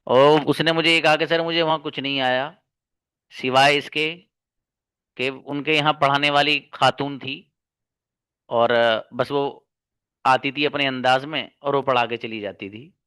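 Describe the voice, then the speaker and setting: A man's voice: mid-range voice, fairly even intonation, unhurried, sharp tone, clear, resonant tone, no room sound. A man teaching an online English class, speaking earnestly and reassuringly to his students and repeating points for emphasis. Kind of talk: live online class, encouraging lecture.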